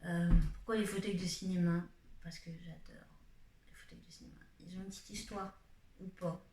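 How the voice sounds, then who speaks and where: A woman's voice: on the low side, fairly even intonation, moderate pace, a little mellow, slight background noise. Chatty young woman vlogging at home. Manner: chatty and rambling, self-mocking asides. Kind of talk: casual face-to-camera chat. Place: dim room at home with ceiling light. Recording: roomy home room sound.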